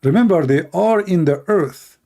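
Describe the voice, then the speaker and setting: Sarcastic man, mellow voice. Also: high voice, animated, moderate pace, creaky. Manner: mocking, sarcastic. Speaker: video host. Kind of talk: comedic commentary.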